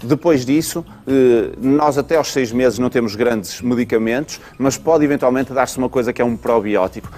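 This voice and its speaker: A man with a European Portuguese accent, a pediatrician explaining calmly on a talk show, with frequent fillers. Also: mid-range voice, normal speed, few pauses. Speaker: pediatrician guest.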